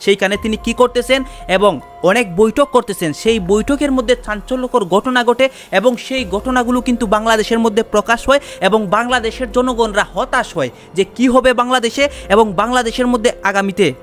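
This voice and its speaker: A man hosting an online news channel, greeting viewers and briskly introducing the story. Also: very high-pitched, fairly bright tone, soft background music. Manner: brisk, repeatedly addresses viewers.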